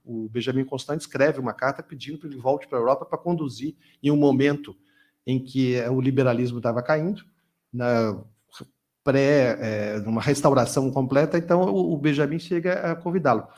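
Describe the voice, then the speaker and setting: A man's voice: medium pitch, moderate pace, darkish tone. Middle-aged guy lecturing at a conference, rambles and restarts a lot. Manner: discursive, frequent restarts and repetitions. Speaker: guest lecturer. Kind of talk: conference Q&A answer.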